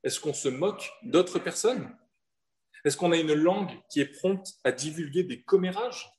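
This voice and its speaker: A man from southern France preaching a sermon in an earnest manner, with rhetorical questions and slowed-down emphasis. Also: fairly high pitch, a little mellow. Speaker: pastor.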